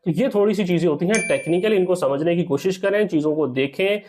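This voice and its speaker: Walking through a trading strategy on a screen recording, this male trading teacher speaks fast in a high, slightly mellow voice. He keeps calling viewers "sir" and often asks "theek hai."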